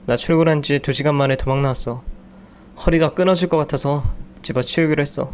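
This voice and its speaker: A man's voice: fairly high pitch, steady tone, fast, slight background noise, lightly acted. A man voicing a whiny young husband who grumbles about every hard job. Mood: grumbling. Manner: sulky, complaining.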